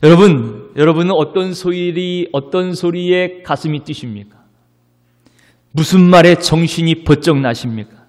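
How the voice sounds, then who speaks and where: A male pastor preaching a sermon, dramatic, moving between loud declarations and hushed whispers. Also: on the high side, unhurried. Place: church sanctuary. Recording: long church-hall reverb.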